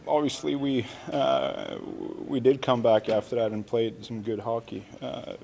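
A man in his thirties, a hockey player, answering reporters after a game in an arena press room, halting and self-critical with many restarts. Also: medium pitch, lively intonation, creaky, a little mellow, slight background noise. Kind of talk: post-game media interview. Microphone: media microphones close up.

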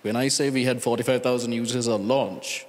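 A man, speaking as a panelist at a conference, earnest and deliberate, pausing and restarting as he thinks, into a handheld mic on a large hall stage. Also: mid-range voice, steady tone. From Sri Lanka. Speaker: conference panelist, data scientist. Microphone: handheld microphone. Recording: reverberant conference hall sound.

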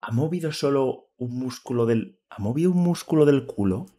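Young man, Spanish accent from Spain, reaction host, excitable, joking, casual commentary. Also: medium pitch, normal speed, heavy background noise.

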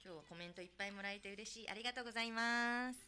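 A woman with a Hiroshima accent hosting casual radio chat, chatty and quick to laugh. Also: a little high, pushed and bright, slight background noise. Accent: Hiroshima Japanese. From Hiroshima, Japan. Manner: chatty, laughs often, reads listener comments. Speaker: radio host.

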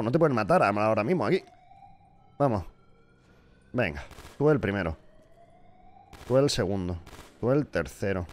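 A man's voice: on the low side, a little hiss or hum. Swearing man playing a game. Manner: frustrated, swears often, talks to the game. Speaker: gaming streamer. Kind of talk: live gameplay commentary.

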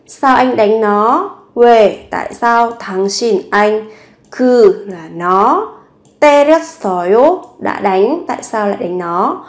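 A woman teaching Korean vocabulary, repeating each word slowly and carefully. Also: on the high side, expressive. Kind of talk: vocabulary lesson with repeated example phrases.

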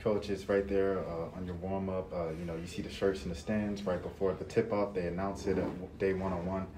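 Deep-voiced male reporter, far and echoey. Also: level tone, brisk, background noise. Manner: rambling, hedging questions. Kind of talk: press conference questions. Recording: distant, echoey room with crowd.

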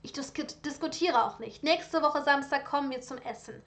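A woman's voice: high voice, moderate pace, fairly bright tone. Woman reading a defiant young aristocrat. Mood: firm. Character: proud young aristocratic son, firm and defiant. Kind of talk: storybook reading.

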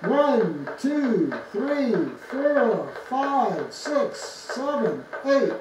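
A man's voice: very high-pitched, sing-song, background noise. Man's voice on tinfoil phonograph playback. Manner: slow sing-song recitation and counting. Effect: played back from a tinfoil phonograph. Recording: faint echoey phonograph playback from far off.

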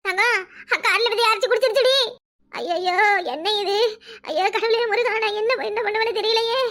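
A woman's voice: very high-pitched, brisk, a bit bright. A woman voicing a distraught, tearful village woman in a cartoon, wailing, pleading and scolding with a Kanyakumari Tamil accent. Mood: despairing. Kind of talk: cartoon voice acting.

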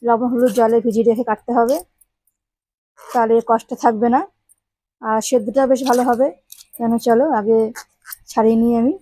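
A woman's voice: a little high, flat delivery, normal speed, pauses often, mellow, no echo, poor audio. A woman hosting a home cooking channel, chatting to viewers as she explains each step of a recipe. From Bengal. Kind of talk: casual cooking demonstration.

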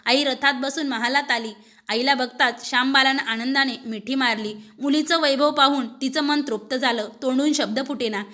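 A woman's voice: high-pitched, fairly even intonation, normal speed, sharp tone. A woman with a Marathi accent narrating a devotional folk tale, reading the characters' lines expressively. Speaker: storyteller.

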